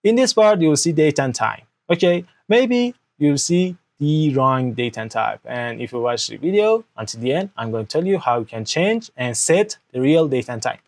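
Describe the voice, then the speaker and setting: His voice a little high with lively intonation, this young Persian-speaking man talks at normal speed with hardly any pauses. He's recording a software tutorial at his indoor desk through an external mic, explaining each step, repeatedly asking "okay?", and speaking with non-native grammar.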